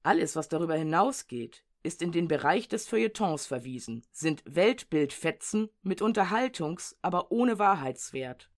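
A woman narrating an audiobook essay in a measured, sober reading of dense prose. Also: lowish voice, big pitch swings, a little mellow. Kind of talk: read-aloud essay narration.

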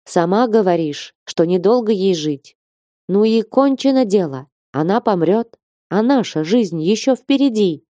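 A woman's voice: medium pitch, animated, unhurried, mellow, no echo, studio quality, natural voice. A woman reading an audiobook and voicing a passionate young man in love, who urges and insists. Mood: insistent.

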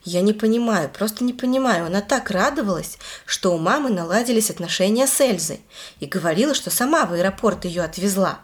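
A woman's voice: mid-range voice, expressive, brisk, lightly acted. A woman doing a bewildered, shaken husband. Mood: pleading. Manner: confused, pleading.

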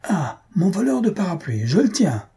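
A man shouting as an irascible old concierge. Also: sits high, big pitch swings, normal speed, creaky, breathy edge, pitched above the performer's own voice, exaggerated voice. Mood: angry accusing. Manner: blustering, accusing.

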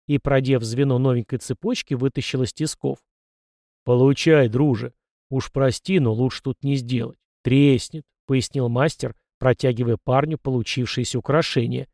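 A man narrating an audiobook in a steady, measured way. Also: medium pitch, no room sound, clean studio sound. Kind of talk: scripted narration.

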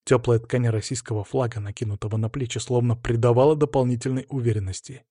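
A man narrating a story in the first person in a steady, measured way. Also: mid-range voice, no room sound, studio quality.

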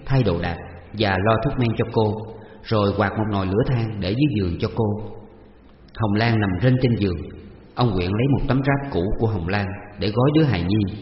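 Low-voiced male storyteller. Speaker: narrator. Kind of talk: storytelling reading. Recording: dull echoey recording with long reverb and faint hiss.

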